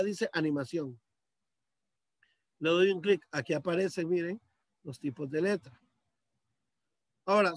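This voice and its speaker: High-voiced man teaching a computer class. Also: no room sound. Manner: patient step-by-step explaining, addressing students. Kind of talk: screen-share computer lesson. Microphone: computer mic on a video call.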